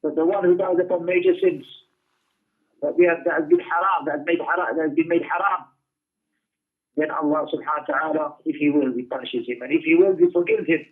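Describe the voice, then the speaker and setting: This Islamic lesson features a man reading Arabic passages and explaining them in English, stressing his points by repeating phrases. His voice is on the high side and steady, with a brisk pace, heard through tinny, radio-style lecture audio resembling a phone.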